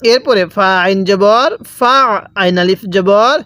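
A man teaching Quran reading, spelling syllables out slowly and asking then answering his own questions. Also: sits high, a bit bright, clear, resonant tone, no room sound. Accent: Bangladeshi Bengali. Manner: drills letter by letter, asks and answers own questions. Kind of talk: slow spelled-out recitation lesson.

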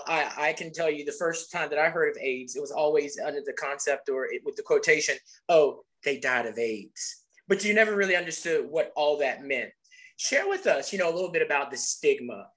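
A man with a somewhat high voice hosts a webinar interview. He asks his questions in a conversational way and repeats words as he works toward what he means. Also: bright, forceful tone, rough recording. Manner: conversational, with stammered repeats when asking questions. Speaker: interview host.

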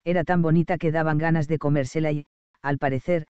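A man narrating an audiobook in a measured, expressive storytelling manner. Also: on the high side, smooth, dry recording, muffled recording.

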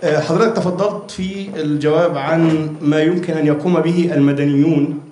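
A man's voice: a little high, fairly even intonation, racing, dark tone. A man from Egypt asking a formal, pointed question from the floor of a conference hall into a handheld mic. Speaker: audience questioner. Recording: roomy hall sound.

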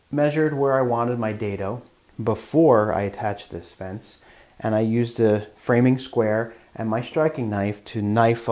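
A man with a fairly low, darkish voice hosts a woodworking show. He talks while he works with hand tools in his shop, giving plain explanations during a hands-on tool demonstration.

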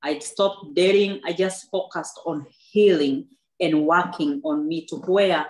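In an echoey indoor room with a backdrop, a woman in her thirties, an author appearing as a guest at a book club, shares her personal testimony. Her voice is low and darkish, a little slow, with fairly even intonation, and she often restarts sentences while speaking earnestly and reflectively about her faith. The recording quality is low.

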